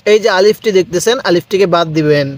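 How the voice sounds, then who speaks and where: A man teaching Quran reading, slowly and deliberately drawing out syllables for learners to repeat after him. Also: high voice, dry recording. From Bangladesh. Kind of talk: recitation lesson, repeat-after-me drill.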